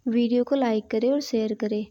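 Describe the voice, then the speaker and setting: A woman telling a devotional folk tale in a plain, steady storytelling manner, speaking the characters' lines herself. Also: on the high side, fairly quick, dull audio.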